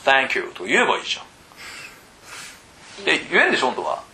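A man coaching cram school teachers in a casual lecture, teasing them bluntly and often pausing to ask whether they follow. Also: mid-range voice, wildly swooping pitch, gravelly, pushed and bright. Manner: keeps checking in with rhetorical asides.

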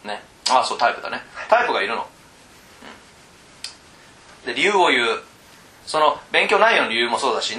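A man training teachers in a casual lecture, chatting with the room, asking questions and swinging between loud and hushed. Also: medium pitch. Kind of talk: lecture to tutors. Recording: roomy echo.

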